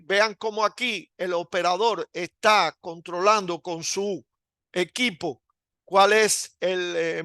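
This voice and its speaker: A man delivers a recorded lecture in a fairly high, gravelly voice with a bright edge. He speaks slowly and deliberately, pausing often and restarting phrases. The sound is dry and close. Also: dry recording. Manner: slow and deliberate with frequent hesitations.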